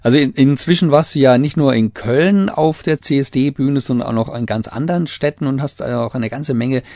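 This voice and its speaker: Gravelly-voiced male radio host. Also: mid-range voice, normal speed, darkish tone, dry recording. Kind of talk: interviewing a guest.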